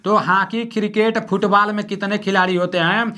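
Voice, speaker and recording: A young man teaching exam questions at home at night, talking softly and repeating each question. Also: high voice, steady tone, normal speed. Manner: soft-spoken, repeats each question, frequent "theek hai na". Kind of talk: quiz-style exam lesson.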